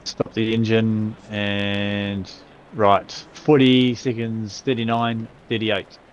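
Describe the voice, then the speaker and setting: A man's voice: on the low side, little pitch movement, slow pace, a little hiss or hum. A man, chatting casually and laid-back with his racing team during a race. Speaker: sim racing team driver.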